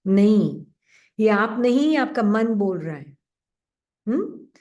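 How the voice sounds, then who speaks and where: A woman giving a gentle spiritual talk to an online class, asking her listeners questions and dropping into a low voice to act out the doubting mind. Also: big pitch swings, slow. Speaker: spiritual teacher.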